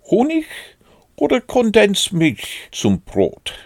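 A man's voice: high voice, huge pitch swings, takes it slowly, dry recording, clean studio sound, pitched above the performer's own voice, heavily acted. A man voicing a fussy, cautious rabbit in a storybook reading, prim and polite.

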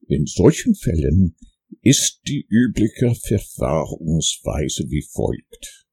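Fussy, lecturing storybook owl, long-winded and pompous, in a man's slow, husky, gravelly voice. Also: low voice, sing-song, warm tone, full character voice.

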